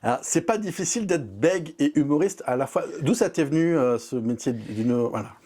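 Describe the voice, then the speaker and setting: Casual male interviewer, dark tone. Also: on the high side, animated, fairly quick, breathy edge.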